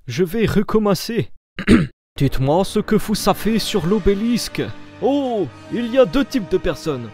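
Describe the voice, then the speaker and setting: A hammy, mock-solemn comic villain, as a man plays him, with a high voice that swoops up and down. Background music plays under the voice. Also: big pitch swings, takes it slowly, darkish tone, breathy edge, exaggerated voice.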